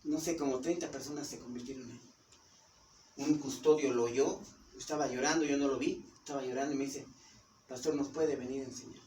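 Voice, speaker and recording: A man's voice: medium pitch, steady tone, brisk, darkish tone. A man with a Mexican Spanish accent, preaching as pastor and quizzing his congregation with questions as he teaches. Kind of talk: sermon. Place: church hall. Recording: roomy, distant mic with some noise.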